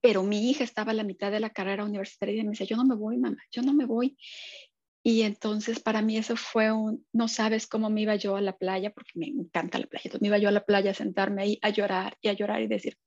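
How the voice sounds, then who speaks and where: A woman's voice: mid-range voice, little pitch movement, fast talker, hardly any pauses, dry recording, lo-fi sound. A Mexican woman in her fifties, a guest telling her story with feeling on a video call. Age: 50s. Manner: warm, emotional storytelling with many quoted voices. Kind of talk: casual interview chat.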